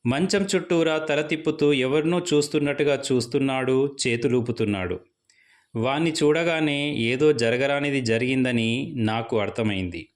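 A young man narrating a first-person ghost story in a steady, suspenseful storytelling manner. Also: mid-range voice, normal speed.

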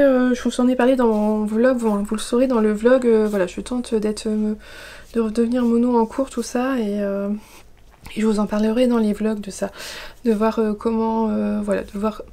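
French lady rambling about her knitting, kinda high voice but soft and mellow, lots of ums. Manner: rambling, many fillers and asides. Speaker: knitting podcast host. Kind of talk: casual chatty vlog.

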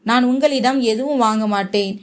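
A woman's voice: on the high side, normal speed, natural voice. A woman doing a humble, earnest young man. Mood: grateful. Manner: soft, respectful, earnest. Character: humble, hardworking young man, polite and grateful.

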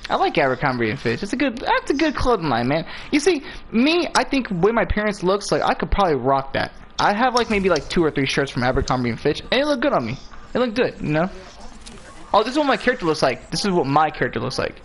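A man's voice: high voice, big pitch swings, fast talker, a bit bright, a little hiss or hum. A young man chatting casually while playing a video game, joking crudely and laughing often. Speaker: gamer. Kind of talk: casual chat while gaming, freestyle rapping.

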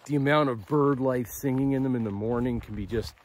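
Man narrating a grassland hike, halting. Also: mid-range voice, slight background noise. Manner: relaxed, halting, many fillers. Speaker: wildlife photographer. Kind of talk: casual vlog narration while hiking. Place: outdoors in open grassland.

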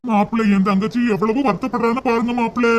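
Guy doing a soft-hearted cartoon big bro, kinda high voice, all sentimental. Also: fairly even intonation, quick pace, slight background noise. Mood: pleading. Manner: pleading, sentimental. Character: soft-hearted doting older brother.

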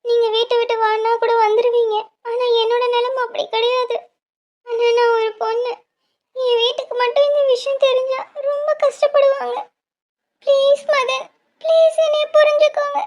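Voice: very high-pitched, monotone, moderate pace, a little mellow, dull audio. A woman voicing a cautious, sincere young college student in a cartoon, reasoning earnestly and pleading through tears.

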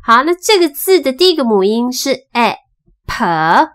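A woman teaching English phonics, patiently spelling out sounds and repeating each word slowly. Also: high voice, animated, fairly bright tone. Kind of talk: slow spoken phonics lesson.

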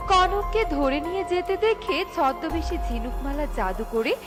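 A woman's voice: sits high, expressive, normal speed. A woman storyteller reading scripted narration for a children's cartoon tale. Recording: music under the voice.

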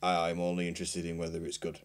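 A Yorkshire band member in his forties chats as a guest in a small podcast studio, rambling, putting himself down and restarting often. He speaks fast in a low voice with a completely flat delivery, recorded on a boom mic while wearing headphones.

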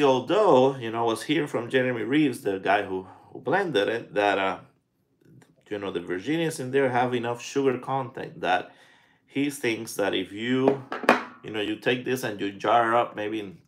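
A man in his forties hosting a casual live chat, talking in a halting way as he thinks aloud. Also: medium pitch. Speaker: pipe tobacco vlogger and live stream host. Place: small indoor room at home.

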